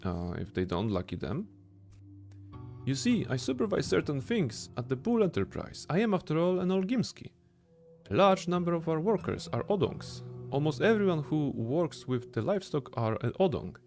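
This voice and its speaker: A man's voice: on the high side, very animated, moderate pace, gravelly, darkish tone, faint music behind. A man reading the lines of a proud young male heir of a rich family, in a lofty, formal manner. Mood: firm. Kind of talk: reading game dialogue aloud.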